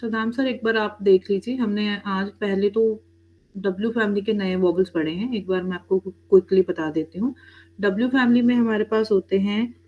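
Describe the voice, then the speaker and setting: A woman's voice: medium pitch, darkish tone, lo-fi sound. A woman teaching a Korean language class online, patiently explaining each word and calling students beta. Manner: patient, addresses students as beta, spells out words slowly.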